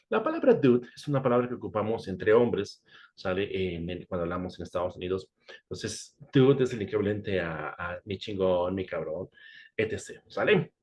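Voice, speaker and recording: A man's voice: lowish voice, a little mellow. A man teaching English idioms in a casual online lesson, with playful asides. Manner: playful, switches between Spanish and English, joking asides.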